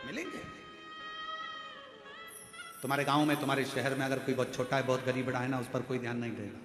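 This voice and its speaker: A man giving a devotional discourse as a spiritual preacher, impassioned, swinging between loud declarations and hushed lines. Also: mid-range voice, little pitch movement, racing. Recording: echoey hall with devotional music.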